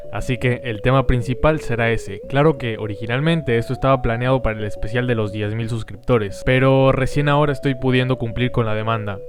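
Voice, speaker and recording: A man, host of a history channel, calmly answering viewer questions in scripted narration. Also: mid-range voice. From Mexico and Argentina.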